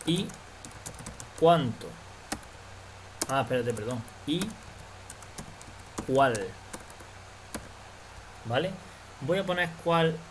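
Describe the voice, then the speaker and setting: A man gives a language lesson in a slightly high voice, taking it very slow. He explains step by step and keeps checking that his students follow. A faint hum and some keyboard typing sit behind him. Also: low-quality recording. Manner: slow, patient explaining with frequent "vale?" checks. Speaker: teacher.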